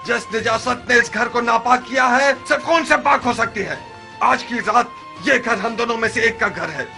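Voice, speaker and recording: An actor playing a proud warrior in a dubbed historical drama, who speaks with grave bitterness and breaks into shouted threats. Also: male voice, on the low side, steady tone, moderate pace, soft background music. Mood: furious. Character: fierce warrior man, proud and quick to rage. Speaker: Mukhtar.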